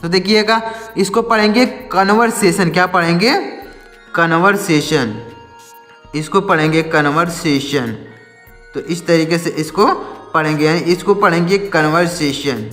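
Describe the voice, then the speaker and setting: High-voiced man teaching English words. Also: moderate pace, fairly bright tone. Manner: spells words letter by letter, repeats each answer; asks questions then answers them himself. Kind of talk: spoken Hindi lesson. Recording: echoey room with long reverb. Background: faint music.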